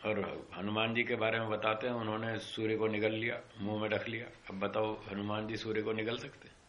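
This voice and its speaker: A middle-aged man with a bright, ringing voice teaches a class on yoga philosophy. He explains slowly, comes back to the same key terms, and acts out the people in his little stories. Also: lowish voice, level tone, lo-fi sound, slight background noise. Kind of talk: classroom lecture with anecdotes.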